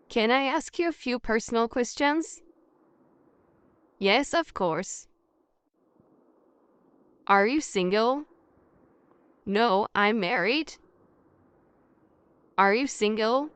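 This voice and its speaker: A woman teaching English through a scripted practice dialogue, speaking at a very slow, deliberate pace. Her voice is smooth and crisp, and she sits a little high for a woman. Every line comes out carefully enunciated in a dry, close sound. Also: fairly bright tone, no room sound. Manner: reads each question and answer twice, carefully enunciated. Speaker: language teacher.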